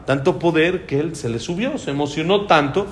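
Lively man teaching Talmud. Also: on the high side, normal speed. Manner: lively storytelling, fillers like "este". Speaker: Torah teacher. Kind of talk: Talmud lesson.

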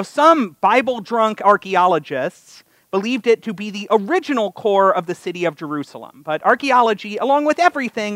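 During a live synagogue service, a North American rabbi tells stories in a conversational sermon, poking gentle fun at himself. The voice is high and a bit bright, captured without any room sound.

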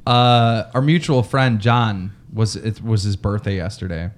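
A man's voice: on the low side, steady tone, unhurried. A young man hosting a podcast. He prompts and recaps the story in blunt, profane, casual talk. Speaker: podcast host. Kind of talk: casual chat.

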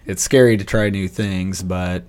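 A man with a somewhat low voice hosting a casual podcast interview. He asks questions in a friendly, encouraging way and often answers with short affirmations. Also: fairly even intonation, measured pace, a little mellow. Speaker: insurance agent, podcast host.

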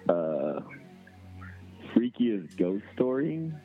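A man with a very low voice calls in over a tinny phone line, and faint music plays behind him. He rambles through his story, full of fillers and restarts. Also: sing-song, very slow. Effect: heard over a phone line. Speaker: caller. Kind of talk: casual call-in storytelling.

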